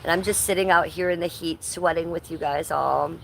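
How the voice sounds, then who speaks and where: Speaking fairly quickly in a lowish, steady, fairly bright voice with vocal fry, a woman in her fifties hosts a casual front-yard livestream over poor audio. She greets viewers playfully by name while roofers are faintly heard nearby.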